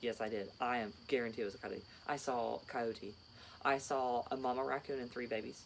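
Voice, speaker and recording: A woman's voice: rumbling low, steady tone, quick pace, slight background noise. A tired woman in her thirties, a teacher co-hosting a casual chat show, rambling chattily through her stories. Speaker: teacher and podcast co-host.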